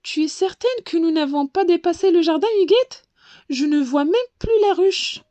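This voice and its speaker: A woman's voice: very high-pitched, normal speed, warm tone, pitched above the performer's own voice. A woman voicing a timid little girl queen bee who stammers and pleads anxiously. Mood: pleading.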